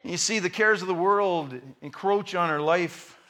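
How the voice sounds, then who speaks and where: High bright-voiced male preacher. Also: a little slow. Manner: dramatic storytelling, swinging from hushed to shouting. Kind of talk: sermon.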